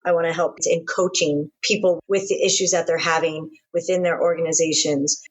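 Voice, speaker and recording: An American woman with a slightly low-pitched voice. She talks as a co-host, casually chatting and sharing personal stories in a conversational style. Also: fairly even intonation, fairly quick, breathy edge. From Florida, US. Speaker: podcast co-host. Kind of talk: casual chat, personal storytelling.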